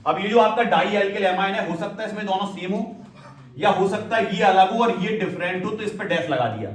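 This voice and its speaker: Male chemistry teacher, classroom lecture, keeps checking "clear?", high voice in a roomy hall. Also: brisk. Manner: repeats key terms and checks understanding with "clear?"; addresses students fondly as "beta". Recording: echoey room, voice from a distance.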